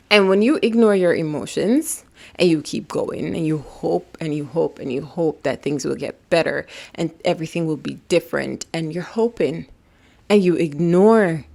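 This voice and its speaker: A young woman vlogger gives a casual self-help talk to camera, emphatic and repetitive, dropping to a whisper when voicing the body. Her voice is low-pitched, creaky, and a little mellow.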